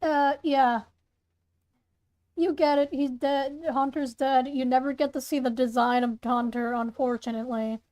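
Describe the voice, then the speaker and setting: A woman's voice: high-pitched, fairly even intonation, a little slow, darkish tone. A young woman casually reading her own story aloud, rambling and correcting herself as she goes. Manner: rambling, self-correcting, chatty. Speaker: storyteller and content creator.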